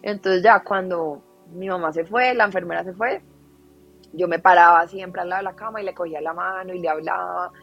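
Podcast guest, female, emotional storyteller, slightly muffled recording with soft music under it. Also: fairly low pitch, fairly quick. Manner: emotional, recounting at length, laughs through sad moments. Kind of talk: personal storytelling in a podcast interview.

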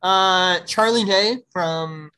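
A man's voice: sits high, drawn-out words, bright, forceful tone, smooth, rough recording. A young man hosting a casual podcast, upbeat and chatty with lots of fillers and laughter. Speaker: podcast host.

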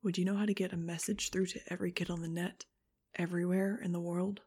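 Terse winged teen boy, quiet and dry, few words; a woman reads him. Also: on the low side, level tone, quick pace, slightly rough. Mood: low-key. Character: guarded teenage boy with wings, terse.

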